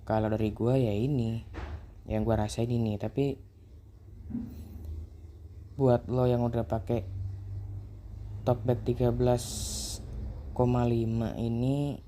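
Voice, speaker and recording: Man, very dark tone, flat delivery, relaxed casual chat. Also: mid-range voice, takes it slowly, long pauses, slight background noise. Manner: relaxed, conversational explaining. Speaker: vlogger sharing app experiences.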